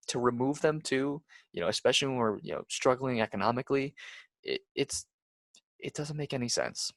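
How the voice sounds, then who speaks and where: Gravelly young male podcast host. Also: mid-range voice, no room sound. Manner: earnest, full of "you know" restarts. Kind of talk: casual podcast chat.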